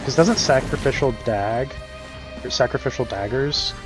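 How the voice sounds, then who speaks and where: A man's voice: mid-range voice, normal speed. A man streaming a game and chatting casually, rambling with many fillers and frequent chuckles. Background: game music.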